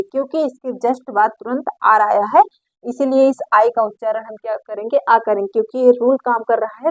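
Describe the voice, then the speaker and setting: A woman's voice: a little high, no echo. A woman explaining pronunciation rules in a lesson, patient and repetitive, asking questions and then answering them herself. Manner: patient, repeats key points, asks and answers her own questions. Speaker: English pronunciation teacher. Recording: dry, muffled lo-fi recording.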